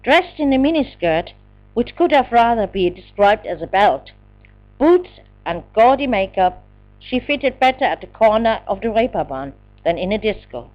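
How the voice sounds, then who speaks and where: A woman's voice: on the high side, big pitch swings, moderate pace, dull audio. A woman reading her own memoir aloud with dramatic, emotional delivery. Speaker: narrator. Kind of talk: memoir audiobook narration.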